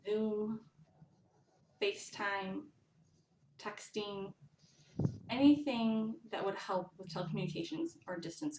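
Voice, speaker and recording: A woman's voice: medium pitch, distant mic. A woman working as a live interpreter, voicing a deaf speaker's words in first person over call audio. She sits back from the mic, and the sound is roomy with a faint hiss behind it. Her pace is uneven and she often restarts her phrases. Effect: live interpreter voice, speaking for another person in first person. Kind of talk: spoken interpretation on a recorded call.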